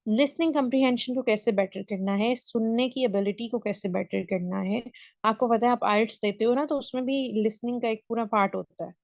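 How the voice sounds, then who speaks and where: A woman's voice: a little high, fairly quick, vocal fry, dry recording. Pakistani woman teaching an online class. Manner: explanatory, checks in with students often. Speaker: spoken English teacher. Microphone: video call.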